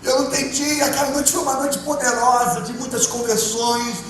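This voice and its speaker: A man, a pastor, giving an emotional testimony sermon, moving between hushed and loud. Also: very high-pitched, steady tone, brisk, slight background noise. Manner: impassioned, swinging from hushed to loud. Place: church. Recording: echoey church hall from far off, music behind.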